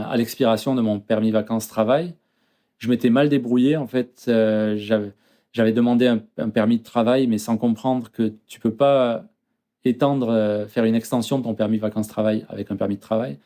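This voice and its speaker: A man from France in his thirties chats as an interview guest in a dark, mellow voice. He talks hesitantly, full of fillers and restarts. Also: lowish voice, steady tone, normal speed. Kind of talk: casual interview chat.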